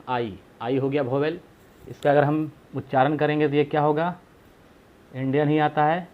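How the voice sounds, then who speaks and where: A man's voice: fairly high pitch, phone-quality sound. A man teaching a grammar lesson, explaining patiently and repeating himself, asking rhetorical questions to his viewers.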